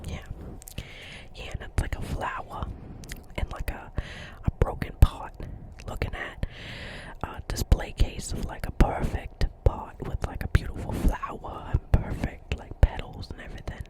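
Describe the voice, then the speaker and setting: This rough recording features a whispered, measured-pace role-play of a doctor's office receptionist who is talkative and dreamy, with a New Jersey accent. Her earnest rambling loops back on repeated phrases, with frequent check-ins aimed at the listener.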